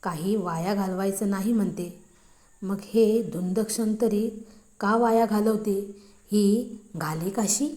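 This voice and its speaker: A woman's voice: medium pitch, slow, mellow, natural voice. Woman playing a teasing young man. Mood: musing.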